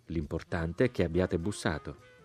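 A man reading the lines of an ironic old Neapolitan nobleman in an audiobook, dry and unhurried. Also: low-pitched, a little mellow, faint music behind, natural voice.

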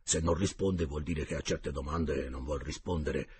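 A man voicing a middle-aged cook who leads a séance with slow, solemn questions. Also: very deep voice, background noise, voice pushed down.

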